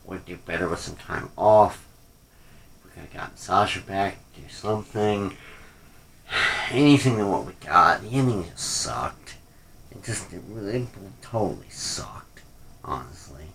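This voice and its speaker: A man's voice: sits low, animated, a little slow, creaky, a bit bright, slight background noise. A man giving a casual, off-the-cuff rant review, rambling and hesitant, often trailing off, with a critical, unimpressed manner. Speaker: wrestling pay-per-view reviewer.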